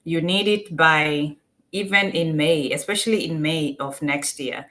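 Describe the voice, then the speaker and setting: In an unhurried, deep voice with a fairly bright tone, a woman with a Kenyan accent presents a casual step-by-step screen walkthrough, repeating herself and rewording her explanations.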